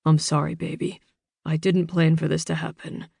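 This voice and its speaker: A woman voicing a weary father speaking gently from jail in an audiobook. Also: sits low, level tone, moderate pace, creaky, breathy edge, dry recording, studio quality, exaggerated voice. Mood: gentle, resigned. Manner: gentle, turns stern.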